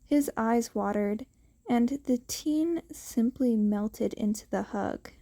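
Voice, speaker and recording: An amateur audiobook narrator, a woman with a warm, somewhat high voice, reads scripted fiction aloud. Her delivery is halting, with small stumbles.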